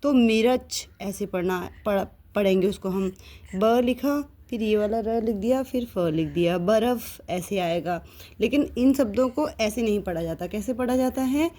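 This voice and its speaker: A woman teaching a child to read, strict and patient, saying each word slowly and clearly for the child to repeat. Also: mid-range voice, expressive, dark tone. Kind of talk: patient one-on-one reading lesson.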